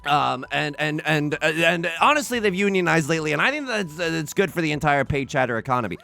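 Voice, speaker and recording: Gravelly high-voiced man rambling over gameplay. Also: lively intonation, a little fast, bright, forceful tone, soft background music. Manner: rambling stream-of-consciousness, self-mocking. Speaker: let's play host. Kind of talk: casual gameplay commentary. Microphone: desk microphone.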